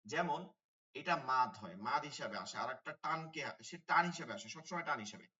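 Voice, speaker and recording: A man teaches an online Quran class in a bright, sharp voice pitched a little high. He repeats each term and quizzes his students as he goes. The sound is dull and comes from some distance from the mic. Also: expressive, fairly quick. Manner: repeats key terms, asks students questions.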